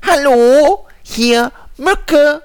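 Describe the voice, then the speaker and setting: A man voicing a tiny, cheeky, stubborn female mosquito in a storybook with a high squeaky voice. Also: lively intonation, very slow, full character voice. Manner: high squeaky repeated phrase.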